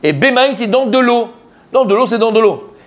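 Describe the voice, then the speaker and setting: Rabbi leading a Talmud class, high voice, repeats and quizzes. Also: male voice, animated, normal speed. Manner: repeats points, quizzes students, jokes.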